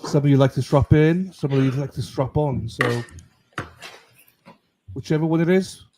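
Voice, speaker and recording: A man's voice: mid-range voice, normal speed, background noise. A man hosting a livestream in casual chat, greeting viewers in a matey, irreverent, sweary way. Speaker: livestream host.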